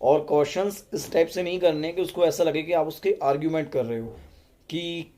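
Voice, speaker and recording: A man giving communication tips to his video audience in a calm, unhurried, deliberate way. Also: fairly high pitch. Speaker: YouTube self-help creator. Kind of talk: casual advice talk to camera.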